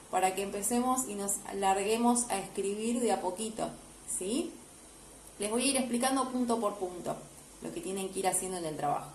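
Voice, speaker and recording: A woman teacher speaks to her pupils in a patient, step-by-step way and often stops to check they follow. Her voice sits a little high. She records in an echoey room at home with a faint hiss behind her. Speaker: primary school teacher. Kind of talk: explaining homework to children.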